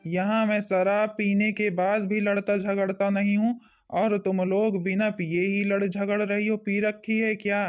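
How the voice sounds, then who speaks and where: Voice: mid-range voice, level tone, unhurried, clear, resonant tone, soft background music, natural voice. A performer voicing a young husband in a cartoon, a drinker who turns remorseful, speaking earnestly. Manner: pleading, earnest. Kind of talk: Hindi cartoon voice acting. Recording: dull lo-fi sound.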